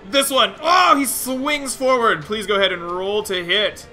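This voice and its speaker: A man's voice: high voice, measured pace, sharp tone, faint music behind. A man working as game master, casually narrating the action, giving rulings and encouraging the players. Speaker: game master of a tabletop RPG.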